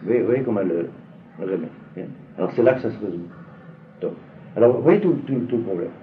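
A man's voice: lowish voice, animated, quick pace. A man teaching a Talmud seminar to a class, hesitant, with many fillers and repeated words. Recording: phone-like lo-fi recording with faint noise.

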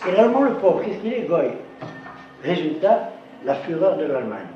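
A man's voice: on the high side, big pitch swings, normal speed, muffled recording. A man giving an emphatic lecture to an audience, often stopping to check they follow. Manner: emphatic, keeps checking with rhetorical questions. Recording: echoey room with background noise.

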